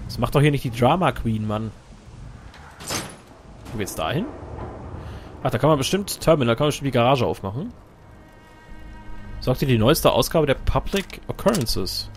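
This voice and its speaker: A man giving casual, joking let's play commentary while he plays, talking to himself and his companion. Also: mid-range voice.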